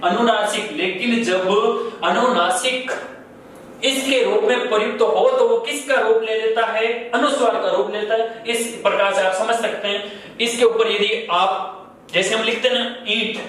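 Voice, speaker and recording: A man's voice: high voice, fairly even intonation, unhurried, a bit bright. A man teaching a grammar class, who asks questions and answers them himself, repeating key terms. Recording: very echoey room, far from mic, faint noise.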